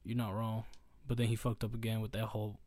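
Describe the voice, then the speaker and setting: A man's voice: on the low side, little pitch movement, fast talker, darkish tone, no echo. A young man in casual banter, giving blunt opinions in slang with emphatic swearing. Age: young adult.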